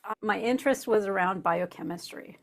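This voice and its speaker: A woman's voice: mid-range voice, brisk. Woman guest, chatty, laughs easily, conversational explanations. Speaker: podcast host as guest. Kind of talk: casual interview answers.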